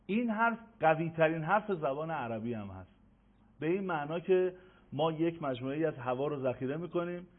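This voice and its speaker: A man teaching Quran recitation in an online lesson, slowly drilling letter sounds for listeners to repeat. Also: a little high. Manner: slow, emphatic drilling of sounds for repetition. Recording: tinny phone-like audio.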